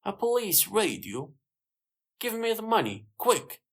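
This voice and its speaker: A narrator voicing a sly man who turns out to be a thief, with sudden pitch jumps. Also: very animated, a little slow, breathy edge, exaggerated voice. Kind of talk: graded-reader story voice.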